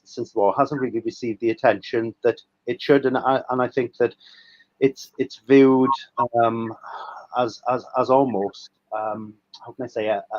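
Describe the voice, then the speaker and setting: A man's voice: mid-range voice, darkish tone, no room sound. A Welsh man in his thirties, a guest historian talking hesitantly over a video call, with many fillers and restarts. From Wales. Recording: dry, slightly muffled video call audio.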